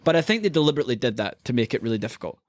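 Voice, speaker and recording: A Scottish man from Scotland, a podcast guest, telling stories in an animated, casual way. He swears freely and laughs often. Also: mid-range voice, racing, dry recording, clean studio sound. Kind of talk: casual storytelling.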